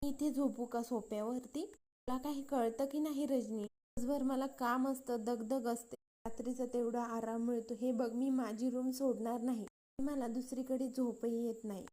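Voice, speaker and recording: Marathi-accented woman telling a serial's story scene by scene, quoting everyone, high mellow voice. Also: fairly even intonation, moderate pace. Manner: retells scenes with quoted dialogue, "so-and-so says". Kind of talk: spoken retelling of a serial episode.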